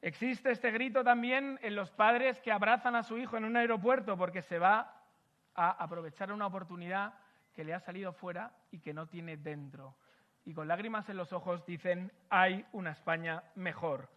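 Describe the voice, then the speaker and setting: A man's voice: sits high, steady tone, normal speed, fairly bright tone, muffled recording. A man hosting a political event, delivering an emphatic speech full of rhetorical repetition before moderating a panel.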